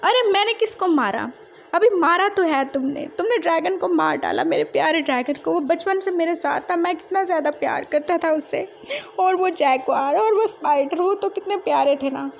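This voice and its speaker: A woman's voice: very high-pitched, big pitch swings, moderate pace, creaky, slight background noise, exaggerated voice. A woman voicing a childish, chatty young man who rambles and complains tearfully in a fan fiction story. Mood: whining.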